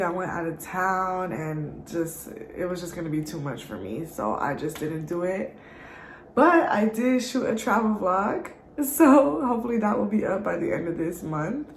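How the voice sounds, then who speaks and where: A woman's voice: on the low side, roomy sound, a little hiss or hum, rough recording. A young woman with a congested voice, chatting casually and slangily to her viewers as a YouTube reviewer. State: congested from allergies. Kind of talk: casual chat.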